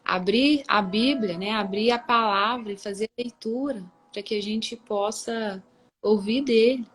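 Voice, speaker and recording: A woman's voice: a little high, measured pace, poor audio. A woman hosting a live book reading, talking in a casual devotional way over a video call and often tagging her sentences with questions. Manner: warm, conversational, with many tag questions.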